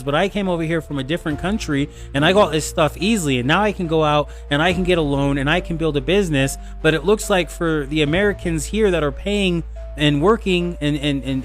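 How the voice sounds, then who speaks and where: Man, fairly high voice, heated rhetorical monologue, faint music underneath. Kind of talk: impassioned political monologue.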